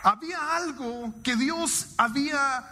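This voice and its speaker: A man giving an emotional, emphatic sermon testimony to a congregation, his pitch swinging widely. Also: takes it slowly, heavy background noise. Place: church hall. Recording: long church hall reverb.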